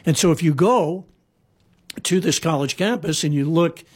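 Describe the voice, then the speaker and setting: This man's voice is a little high with a breathy edge and a moderate pace. Living in Hawaii, he's a guest storyteller sharing history in a casual conversation, rambling along with plenty of restarts and fillers.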